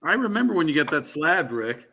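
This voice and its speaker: A man's voice: on the high side, big pitch swings, brisk, creaky, bright, forceful tone. A man chatting casually as co-host of a round table on collecting, rambling with many ums and asides. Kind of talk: casual chat.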